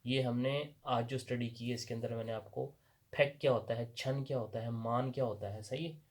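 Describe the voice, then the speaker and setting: A man's voice: medium pitch, steady tone, normal speed. A man with a Pakistani Urdu accent teaching a language lesson at a board, patiently asking questions and answering them himself.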